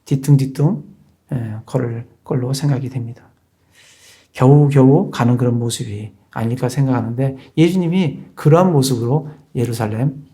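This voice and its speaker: Male pastor, middle-aged, church sermon, measured explanations, dark mellow voice, mid pitch. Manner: explanatory, measured preaching with scripture readings.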